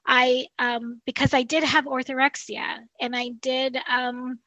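A woman's voice: high-pitched, flat delivery, a little slow, bright, forceful tone, no room sound, rough recording. A woman speaking as a podcast guest and dietitian, talking earnestly with frequent restarts and "you know.". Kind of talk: casual conversational interview.

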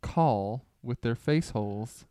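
A man's voice: mid-range voice, expressive, slow pace, dark tone, clear, resonant tone, no room sound, clean studio sound. A man co-hosting a casual comedy podcast, speaking sarcastically and with mock exasperation. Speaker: podcast co-host.

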